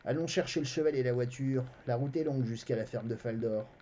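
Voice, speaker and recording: A reader voicing a calm, protective older farmhand who talks in a level, slightly ominous way. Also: mid-range voice, brisk, a little hiss or hum, lightly acted. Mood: calm, wary. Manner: calm, approving, a bit ominous. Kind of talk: fantasy novel read aloud. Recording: dull, lo-fi stream audio.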